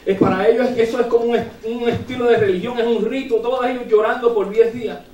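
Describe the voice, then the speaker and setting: A man preaching a sermon in church, animated, rising to shouts and checking in with the congregation. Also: extremely high pitch, quick pace, highs cut off. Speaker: pastor. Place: church sanctuary. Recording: echoey church, voice from far off the mic.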